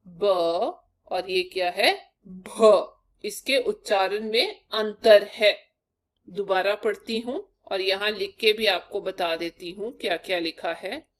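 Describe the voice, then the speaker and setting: Slow, patient woman teacher. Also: medium pitch. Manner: slow, sounding out letters one by one for children. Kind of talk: slow primary-school lesson.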